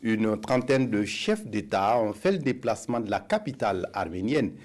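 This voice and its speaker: A man anchoring an evening TV news bulletin, reading in a measured, formal way. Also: on the low side, expressive, darkish tone. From Burkina Faso.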